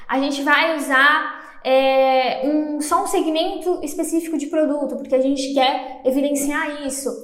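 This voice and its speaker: A young woman from Brazil with a high-pitched voice hosts her own podcast. She talks quickly, stumbles now and then and laughs at her own slips. The room around her is noticeably echoey. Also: fairly even intonation, a bit bright. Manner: fast-talking, self-deprecating, trips over words. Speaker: podcast host. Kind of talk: solo podcast talk.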